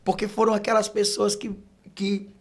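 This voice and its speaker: A man's voice: high-pitched, normal speed. A man, an evangelist guest on a podcast, telling his testimony in casual chat and acting out the voices in his stories. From Brazil. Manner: animated storyteller, acts out dialogue.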